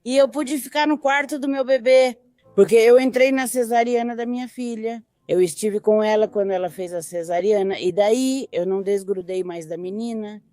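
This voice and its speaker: A mother recounting her family's story in a quiet, intimate documentary testimony. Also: a little high, moderate pace, dry recording. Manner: quiet, intimate retelling with quoted dialogue. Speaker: grieving mother interviewed.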